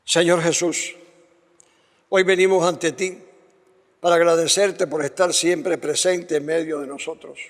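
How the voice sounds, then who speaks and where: A man, a priest leading Mass prayers in a measured, solemn way, heard through a long cathedral-like reverb. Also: fairly high pitch, fairly even intonation. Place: large church. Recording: voice in a long, echoing church reverb.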